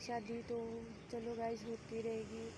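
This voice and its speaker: A young woman with a Himachali accent, chatting softly and quietly in a casual vlog, recorded outdoors on a phone with no mic. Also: fairly high pitch, monotone, unhurried, noisy background. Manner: soft-spoken, quiet voice. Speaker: vlogger. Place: outdoors at home, village. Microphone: phone camera, no mic.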